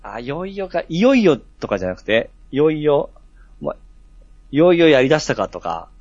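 Brief: relaxed male co-host, lively pitch, dull dry mic. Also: normal speed, no room sound. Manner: relaxed, frequent short backchannels. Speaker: podcast co-host. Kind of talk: casual chat.

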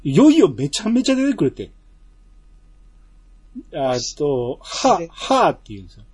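Brief: Kansai man, casual co-host, husky mellow tone, lively pitch. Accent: Kansai Japanese. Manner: chatty, laughs often, drawn-out fillers. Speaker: podcast co-host. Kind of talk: casual chat.

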